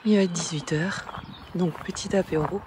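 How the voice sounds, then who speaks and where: A woman in her forties chatting casually as a travel vlogger, with many filler pauses, talking to a camera held at arm's length. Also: on the low side, fairly even intonation. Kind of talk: casual vlog narration. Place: camper van and outdoor campsite. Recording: noisy road and vehicle background.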